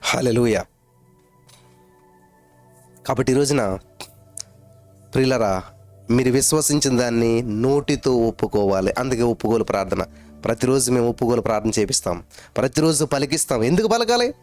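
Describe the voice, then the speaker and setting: Preacher guy, fired up, keeps repeating lines and hallelujahs, soft music under him. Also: mid-range voice, animated. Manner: fervent preaching with repeated hallelujahs and chanted phrases; mixes in English phrases, drawn out slowly. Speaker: pastor. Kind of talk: sermon.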